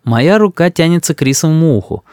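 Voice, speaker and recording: A man narrating a humorous story aloud in a wry, expressive way. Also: fairly high pitch, quick pace, smooth, no room sound, clean studio sound. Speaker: audiobook reader.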